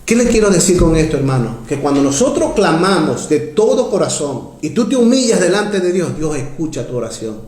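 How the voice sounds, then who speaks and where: Man, pastor, sermon, passionate rises and quiet drops, fairly high-pitched, reverberant church hall. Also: big pitch swings, a little fast, few pauses. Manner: impassioned, swings from loud rises to low quiet asides, keeps addressing "hermanos".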